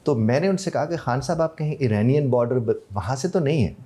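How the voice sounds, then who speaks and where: A man with a Pakistani Urdu accent, talking through his teaching method in an interview. His voice is mellow and dark, at an ordinary pitch for a man, and now and then he acts out quick little exchanges to make a point. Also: lively intonation. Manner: acts out short dialogues to illustrate points. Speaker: life coach and English trainer, guest. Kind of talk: explanatory interview talk.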